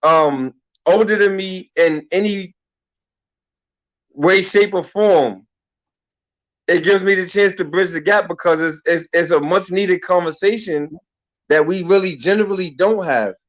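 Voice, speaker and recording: A man's voice: high voice, measured pace, pauses often, poor audio. A man in his thirties from Harlem, hosting a radio talk show in a loose, slangy way and often restarting his sentences. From Harlem, New York. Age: 30s.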